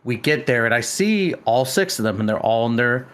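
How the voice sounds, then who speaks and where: Male podcast host, casual anecdote teller, animated and profane, average pitch. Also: moderate pace. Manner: rambling, animated, swears freely. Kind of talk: casual storytelling chat.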